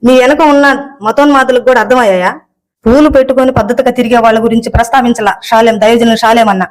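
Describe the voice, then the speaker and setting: Woman, mid pitch, quick challenging questions, rant delivery. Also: fairly even intonation, low-quality recording. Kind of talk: angry rant.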